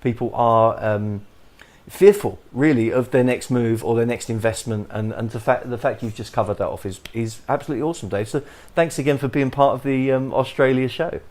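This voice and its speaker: A man with an English accent hosting a podcast interview, talking haltingly with many restarts. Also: medium pitch, darkish tone. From England. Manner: halting, many restarts and fillers, chuckles often. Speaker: podcast host.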